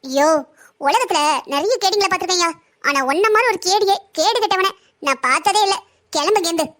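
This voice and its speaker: Figure: brothel madam, cartoon voiced by a woman. Sex: female. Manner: bossy, mocking, blunt. Pitch: very high, dropped a little from the performer's own voice. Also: a little fast, a bit bright. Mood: dismissive. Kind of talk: cartoon story voice acting.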